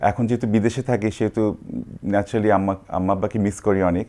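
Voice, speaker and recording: A man's voice: on the low side, fairly even intonation, fast, dark tone. A man speaking about his mother in a recorded tribute, reminiscing with fillers. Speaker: son of the guest.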